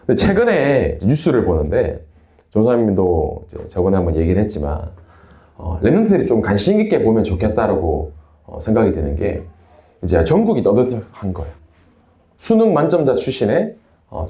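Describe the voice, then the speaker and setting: A young man with a Busan Gyeongsang accent gives a sermon to teenagers, his mellow voice rising and falling freely as he tells stories. The sound carries a roomy echo from a church hall. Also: on the low side. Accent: Busan Gyeongsang dialect. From Busan, South Korea. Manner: chatty storytelling, refers to himself in third person. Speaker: youth pastor. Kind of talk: sermon to a youth group.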